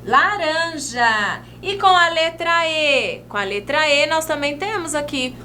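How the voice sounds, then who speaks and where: Animated high-voiced Brazilian teacher. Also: female voice, slight background noise. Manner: slow, sing-song teacher talk, stretching words as she writes. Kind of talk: children's video lesson.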